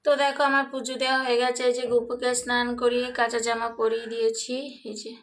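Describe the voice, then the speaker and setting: A middle-aged woman, slightly hoarse, chatting casually to viewers through a daily-routine vlog and often checking in with them. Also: fairly high pitch, little pitch movement, fast talker, a bit bright. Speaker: vlogger.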